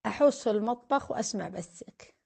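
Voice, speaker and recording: A woman's voice: medium pitch, quick pace, gravelly, darkish tone, breathy edge. A woman, a family counselor hosting a casual live stream, reading viewer comments aloud, teasing them and offering blessings.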